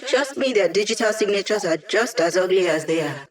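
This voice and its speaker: An actress voices a witty young hacker who supports her team in a video game, her medium-pitched voice expressive yet close to everyday speech. She fires off wry, sly, teasing quips.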